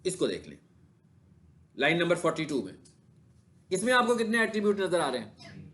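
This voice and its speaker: A man's voice: a little high, wildly swooping pitch, moderate pace, fairly bright tone. A male instructor giving a classroom lecture with a screen demo, often asking his students questions and then answering them himself. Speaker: digital marketing instructor.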